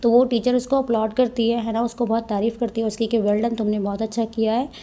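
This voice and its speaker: Lady teacher explaining a story chapter, reads bits slow then explains in hinglish, kinda high soft mellow voice. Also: flat delivery. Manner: reads English lines slowly, then explains in Hindi-English mix; frequent tag questions. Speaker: English teacher. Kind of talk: explaining a textbook chapter, reading passages aloud.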